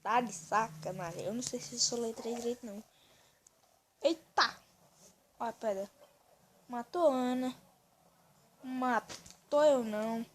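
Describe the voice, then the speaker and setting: A woman with a Brazilian accent giving excitable, running commentary on a game she is playing for a video, often telling the viewer to look. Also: fairly high pitch, measured pace, long pauses, a little hiss or hum. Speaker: gaming video host. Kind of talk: let's-play gameplay commentary. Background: faint game music.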